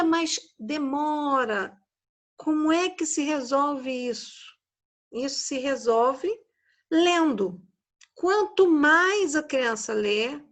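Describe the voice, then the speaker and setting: A Brazilian woman teaching a recorded class to young children, explaining slowly and patiently and often tagging her sentences with a questioning "né?". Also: fairly high pitch, fairly bright tone. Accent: Brazilian Portuguese. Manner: slow, patient, explanatory, frequent "né?" tags. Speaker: schoolteacher.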